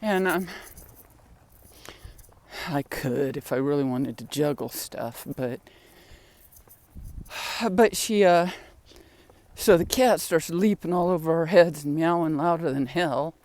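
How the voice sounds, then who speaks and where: Slow-paced and pausing often, this older woman has a low, darkish voice. She's a vlogger rambling through personal stories of family and pets in a chatty way, with laughing and sighing asides, as she walks home with groceries in the wind.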